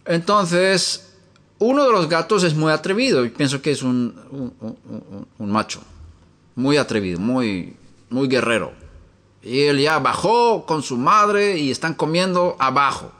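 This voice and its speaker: A high-pitched man with a bright, sharp tone gives a sermon-style teaching. He asks his listeners one rhetorical question after another and slips into homely stories from his own house. He speaks from an upstairs room at home. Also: lively intonation, unhurried. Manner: asks many rhetorical questions, then tells a homely story. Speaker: preacher.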